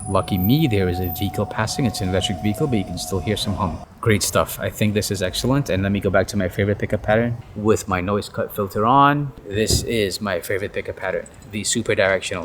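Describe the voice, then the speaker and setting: A man chatting casually as he tests gear outdoors beside a car, his voice run through a noise-cancellation filter. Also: sits low. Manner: chatty, explains while testing gear. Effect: noise-cancellation filter processing the voice. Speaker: tech reviewer. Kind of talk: casual gear review vlog. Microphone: camera-mounted shotgun microphone.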